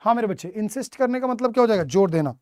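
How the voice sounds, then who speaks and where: A man's voice: high-pitched, lively intonation, racing, a little mellow, no echo, studio quality. A male teacher giving an online exam-prep English lesson, drilling word meanings with repeated questions and calling students his children.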